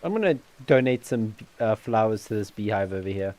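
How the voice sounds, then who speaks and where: A man's voice: fairly low pitch, expressive, fairly quick, a little mellow. A man chatting casually and joking with friends while playing a game, rambling with lots of fillers. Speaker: gaming channel host. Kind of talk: casual gameplay chat with friends.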